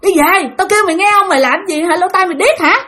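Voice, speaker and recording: A woman voicing a fearless, foul-mouthed young village woman, scolding and yelling. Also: very high voice, racing, voice pushed up. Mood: exasperated.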